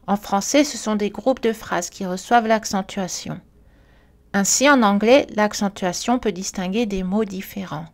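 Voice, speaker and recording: A woman reading a scripted French pronunciation lesson, speaking carefully and clearly and slowing down for example words. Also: mid-range voice. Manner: careful, clearly articulated delivery with slow model words.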